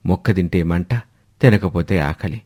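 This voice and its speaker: Brief: whiny older father-in-law, a man voices him, low and fretful, storybook animation. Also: normal speed, a little mellow, no echo, studio quality, natural voice. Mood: grumbling. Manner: whiny complaining, fearful asides. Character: hungry grumbling old father-in-law.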